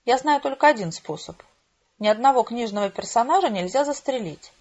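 Woman reading a dry, calm male agent. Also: on the high side, fairly quick. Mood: matter-of-fact. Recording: dull lo-fi home recording.

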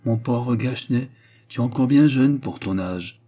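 A man voicing a fond old mother who chides her son gently. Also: mid-range voice, moderate pace, natural voice. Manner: gently reproachful, doting.

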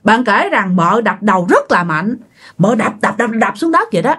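A woman retelling a ghost story, speaking directly to her listeners in an animated way. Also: medium pitch, normal speed, slightly rough.

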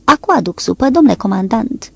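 A woman's voice: on the high side, animated, vocal fry, fairly bright tone, breathy edge, full character voice. A woman narrator voicing a loyal, plain-spoken male sailor who eagerly looks after his commander.

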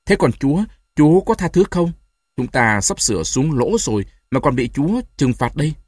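A man voicing a hoarse, hot-tempered old grandfather. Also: fairly high pitch, very animated, moderate pace, dry recording, studio quality, pitched above the performer's own voice. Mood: bitter. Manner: shouting in bursts of rage.

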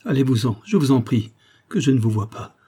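A man's voice: medium pitch, expressive, fairly quick, dark tone, breathy edge, voice pushed up. A man reading aloud voices a distraught, proud young noblewoman who pleads emotionally. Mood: pleading.

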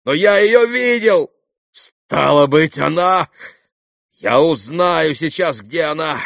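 A man's voice: on the high side, expressive, takes it slowly, creaky, a bit bright, no echo, studio quality, voice pushed up, heavily acted. A male reader voicing a wild, passionate young man who pants and declares fiercely. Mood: feverish.

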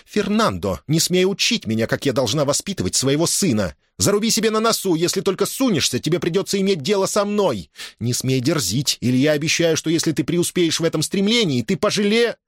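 A man voicing an angry, devout noble mother who scolds her son and a servant in a raised falsetto. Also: sing-song, a little fast, no echo, clean studio sound. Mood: commanding. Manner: scolding, commanding.

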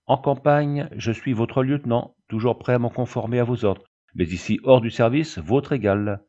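A man reading the part of a calm, sardonic frontier lieutenant who answers curtly and dryly. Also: mid-range voice, normal speed, close to an everyday voice. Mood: cool. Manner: curt, calm, dry. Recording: dull lo-fi recording.

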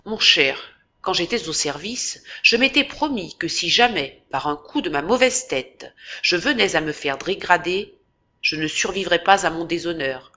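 A woman doing a gruff proud ex-soldier. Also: lowish voice, expressive, measured pace, pushed and bright, heavily acted. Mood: grave. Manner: gruff, then grave and cold. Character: brusque proud former soldier, fencing master.

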